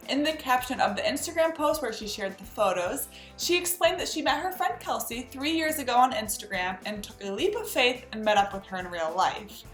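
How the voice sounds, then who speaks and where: A woman with a high, very lively voice narrates a scripted entertainment news and gossip recap. Her delivery is chatty and emphatic. The audio is roomy, with music playing underneath.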